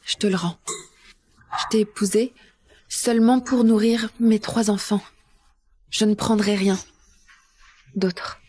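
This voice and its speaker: A woman's voice: medium pitch, steady tone, slow, long pauses, dark tone, a little hiss or hum, lightly acted. A woman playing a modest, independent young pregnant wife in a dubbed drama, speaking politely and demurring. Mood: reserved, firm. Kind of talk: dubbed short-drama acting.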